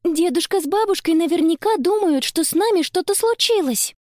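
A woman voicing an excitable young girl in a storybook reading, with a high, breathless girlish voice. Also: fairly quick, no room sound, clean studio sound. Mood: worried.

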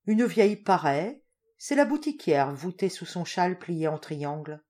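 A woman narrating a literary audiobook with an expressive, animated delivery. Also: lowish voice, measured pace. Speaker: audiobook reader.

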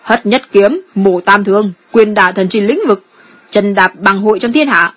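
A woman's voice: mid-range voice, normal speed, soft background music, natural voice. A woman voicing a brash, joking male guild member with blustering, boastful talk.

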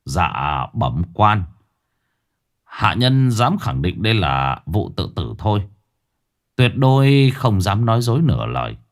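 A man voicing a deferential court coroner who reports slowly and formally. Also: on the low side, very animated. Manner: slow, humble, formal reporting.

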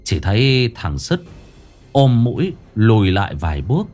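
A man narrating a story in a lively, expressive storytelling manner. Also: on the low side, normal speed, faint music behind.

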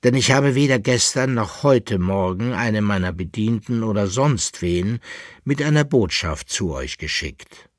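A man reading aloud, voicing a haughty, teasing masked noblewoman in a playful, sharp tone. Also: fairly low pitch, expressive, measured pace, no room sound, clean studio sound.

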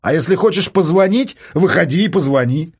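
A cold, provocative psychologist, as a male reader plays him, taunting calmly with a husky edge. His pitch rolls up and down with relish as he needles his victim. Read aloud in a storybook voice. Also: a little fast. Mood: coolly taunting. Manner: calm, mocking, taunting.

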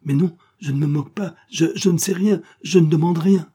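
A man's voice: on the low side, a little slow, dark tone, breathy edge. Man doing a stammering, shifty big rogue. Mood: protesting. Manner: stammering, protesting, feigned innocence. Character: huge, shifty, naive-acting male rogue. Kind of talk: audiobook character voice.

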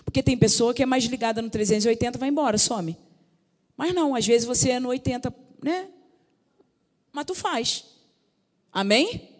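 A woman's voice: a little high, normal speed, pauses often. Fervent woman pastor in a reverberant church. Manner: fervent, calls out to the congregation. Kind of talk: sermon. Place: large church sanctuary.

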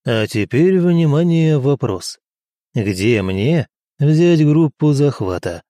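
A man voicing a lively, wry male aide. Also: mid-range voice, slow pace, no room sound, studio quality, pitched above the performer's own voice.

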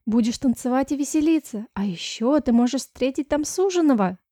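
A woman voicing an excitable young woman roommate who squeals and wheedles. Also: sits high, brisk, dry recording, clean studio sound. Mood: chatty.

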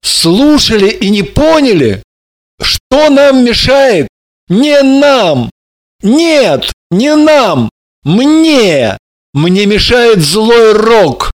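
Отчаявшийся молодой мужчина, над которым висит проклятие, его читает мужчина-чтец. Говорит умоляюще и надрывно, голос высокий, интонации резко скачут. Звучит неторопливо, как в аудиокниге. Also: male voice, high-pitched, sing-song, unhurried. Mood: anguished. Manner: pleading, despairing. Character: anguished young man cursed in love. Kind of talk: audiobook character reading.

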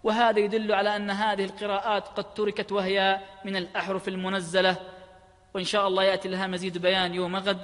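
A man's voice: sits high, a bit bright. A man giving an academic lecture, addressing listeners directly and reciting examples as he teaches. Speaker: lecturer on Quranic readings. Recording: long hall reverb.

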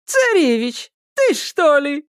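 A woman voicing Kikimora, an excitable old female swamp spirit, with shrill, gasping exclamations. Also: takes it slowly, no room sound, studio quality, full character voice. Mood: mocking.

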